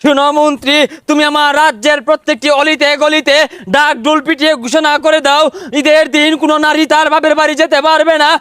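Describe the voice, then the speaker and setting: A man's voice: extremely high pitch, completely flat delivery, quick pace, a bit bright, no echo. A man playing a pompous, hot-tempered king in a comic skit, bellowing commands. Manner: blustering, bellowing royal commands.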